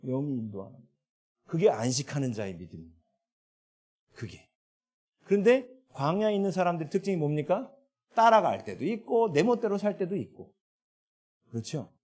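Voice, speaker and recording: Lively Korean pastor preaching a sermon. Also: male voice, medium pitch, slightly rough. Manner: questions to the congregation with tag questions; lively rising and falling delivery.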